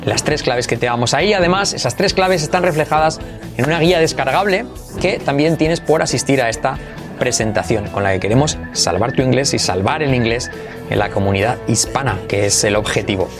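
A man's voice: mid-range voice, animated, music in the background. Upbeat man drilling English phrases. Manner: switches between English and Spanish, repeats phrases slowly for drilling; upbeat, encouraging. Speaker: English teacher and channel host. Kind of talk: online language lesson.

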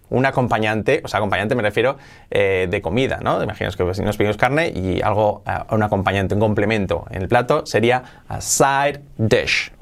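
A man with a mid-range voice and a Spain Spanish accent teaches a casual English lesson. He repeats each word and switches back and forth between Spanish and English.

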